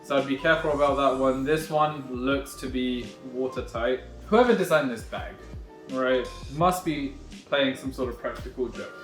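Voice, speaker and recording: A man's voice: medium pitch, moderate pace. A man records himself on a phone while he pokes through a new bag, chatting in a rambling, wry way. The room around him rings with echo and faint music plays behind him. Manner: rambling, wry, self-correcting. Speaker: vlogger unboxing a backpack. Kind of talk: casual unboxing walkthrough.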